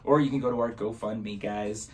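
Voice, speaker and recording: A man in his thirties presenting a live show as a kids' party magician, with animated, playful showmanship. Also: fairly low pitch, normal speed.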